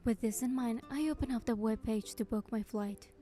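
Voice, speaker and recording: Speaking naturally in a warm, thoughtful mood, a woman plays a young heroine who narrates a romance game from her own point of view. Her tone sits on the high side and is very mellow, gentle and measured, with soft music underneath.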